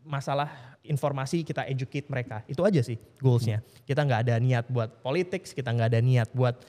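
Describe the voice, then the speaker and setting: A man, a podcast guest telling stories in a relaxed, slangy, informal way. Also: medium pitch, brisk, big-room sound. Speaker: guest, founder of a legal aid group for small businesses. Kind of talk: casual podcast conversation.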